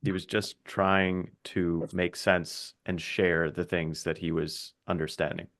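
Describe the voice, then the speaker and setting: A man speaking quietly in a casual conversation, his sentences trailing off. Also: deep voice, flat delivery, slow, gravelly.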